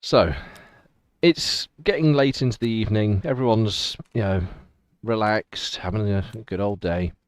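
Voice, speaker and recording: A man's voice: lowish voice, measured pace, clear, resonant tone, no echo, clean studio sound. A man acting as game master, casually improvising narration for a tabletop role-playing game.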